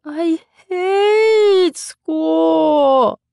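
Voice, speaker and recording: A woman voicing a sad, whiny three-year-old boy who drags out his complaints in a high childish voice. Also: gravelly, darkish tone, no room sound, studio quality, heavily acted. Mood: whining. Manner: whining, drawn-out childish complaints.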